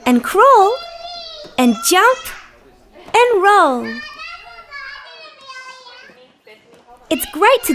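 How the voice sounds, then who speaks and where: A woman voicing a cheerful young female dinosaur who gently presents to small children in a slow, sing-song, wonder-filled way. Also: extremely high pitch, slight background noise, heavily acted. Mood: bubbly, encouraging. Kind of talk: children's show scripted narration.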